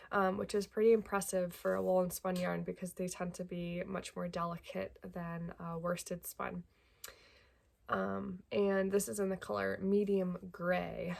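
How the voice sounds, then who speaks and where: Talking to camera about her knitting, this young podcast host from Greater Portland, Maine sounds congested from a cold, her fairly low voice gravelly and a little mellow. She's chatty and friendly, with plenty of ums.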